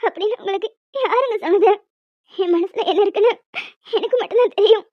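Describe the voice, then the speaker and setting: A woman doing a very high-voiced young wife. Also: fairly quick, no echo. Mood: earnest. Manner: soft, earnest, sweet. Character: young pregnant wife, gentle and guilt-ridden. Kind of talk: Tamil cartoon voice acting. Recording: dull lo-fi sound.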